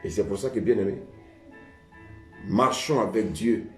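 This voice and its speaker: A man's voice: fairly low pitch, unhurried, fairly bright tone, roomy sound, faint music behind. A man preaching a sermon as pastor, often saying "beloved" and calling for the congregation's answer. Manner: preaching with call-and-response; repeats "bien aimé" often.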